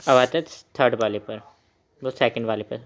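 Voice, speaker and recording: A man's voice: mid-range voice, normal speed. A young man teaching a chemistry lesson while he writes, asking the class questions and repeating key terms.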